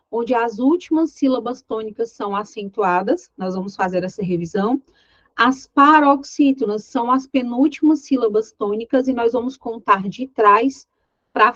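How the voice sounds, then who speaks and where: A woman with a Brazilian Portuguese accent and a fairly bright, high voice teaches an exam-prep grammar lesson, heard in a dry, muffled recording. She explains step by step, checks in with her students often, and voices the questions she imagines they might ask.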